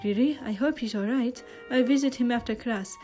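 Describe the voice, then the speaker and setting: A woman's voice: fairly high pitch, normal speed, dark tone, soft background music, close to an everyday voice. A woman reading a fanfic aloud, voicing a polite, formal young man who apologizes courteously.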